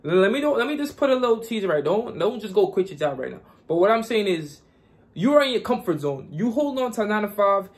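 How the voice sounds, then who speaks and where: A man's voice: high-pitched, big pitch swings, fast. A young man from Guyana vlogging casually and giving hyped, repetitive motivational advice.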